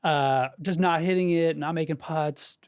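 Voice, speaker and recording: Man with a higher voice, emphatic storytelling. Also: unhurried, clear, resonant tone, no echo, studio quality. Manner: animated, emphatic storyteller who swears freely. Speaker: podcast co-host; golf parent. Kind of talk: casual storytelling chat.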